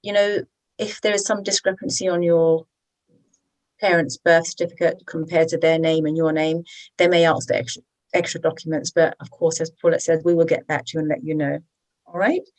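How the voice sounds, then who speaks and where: A woman's voice: low voice, little pitch movement, fairly quick, darkish tone, rough recording. A woman hosting a webinar on citizenship services, chatty and encouraging, often checking in with "okay?". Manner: chatty and encouraging, with tag questions. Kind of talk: persuasive presentation.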